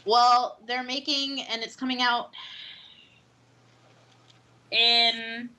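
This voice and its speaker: A woman chatting excitedly about upcoming games on a casual podcast. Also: a little high, extremely slow. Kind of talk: casual gaming chat.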